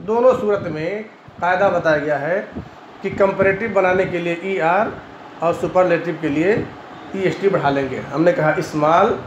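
Indian urdu accent guy teaching grammar class, highish voice, keeps saying "है ना", clears his throat a lot, roomy echo, kinda muffled recording. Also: normal speed. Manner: repeats points, frequent "है ना" checks with students. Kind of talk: classroom lecture. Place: madrasa classroom. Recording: echoey room, dull lo-fi sound, faint hiss.

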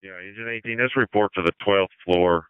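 Deep, crisp male fire commander on radio. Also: a little fast, dry recording. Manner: terse, directive. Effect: two-way radio. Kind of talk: firefighter radio dispatching. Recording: dull, band-limited fire radio channel.

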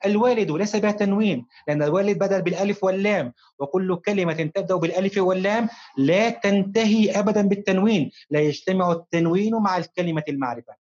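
Fast-talking man teaching a lesson, lo-fi. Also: high voice, a little mellow. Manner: slow, careful dictation-style reading of examples; addresses pupils fondly and encouragingly. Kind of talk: recorded online lesson. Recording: dull, lo-fi recording.

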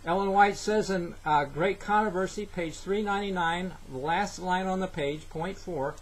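An older man giving an earnest Bible teaching to a webcam in a small room, halting with fillers. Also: high voice, slight background noise, poor audio. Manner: earnest, halting, with many fillers and scripture citations. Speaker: preacher. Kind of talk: sermon-style Bible teaching. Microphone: webcam, head-and-shoulders framing.

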